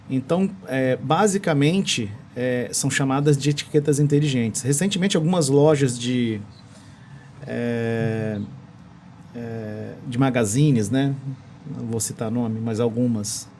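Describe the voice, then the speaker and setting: A man's voice: medium pitch, darkish tone, a little hiss or hum. A man with a Brazilian accent explaining technology as a podcast guest in a studio, restarting phrases as he searches for words. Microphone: studio microphone.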